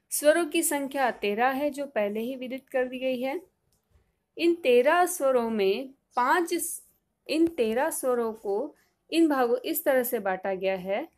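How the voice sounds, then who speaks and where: A middle-aged woman teacher giving a patient lesson, repeating key points and drawing out sounds as examples. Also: high voice. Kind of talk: classroom lesson explanation.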